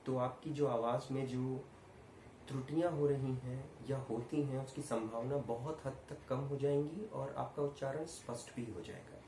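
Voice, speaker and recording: A man's voice: mid-range voice, fairly even intonation, moderate pace. Man teaching an acting workshop. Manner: demonstrates stressed vowels and projects repeated lines loudly. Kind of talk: online acting workshop lesson. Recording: roomy recording with faint ambient noise.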